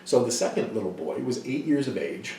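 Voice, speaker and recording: A man's voice: medium pitch, very animated, brisk, a little hiss or hum. A male psychology lecturer telling case stories in a lecture, acting out quoted voices now and then. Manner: storytelling, acts out quoted voices loudly. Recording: distant mic in a very echoey hall.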